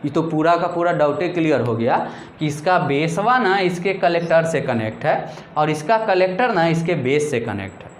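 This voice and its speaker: In a lecture blending Hindi and English, a man teaches in an expressive voice on the high side, asking questions and then supplying the answers. He goes over terms slowly, drawing out individual words. The sound is roomy with slight hiss or hum.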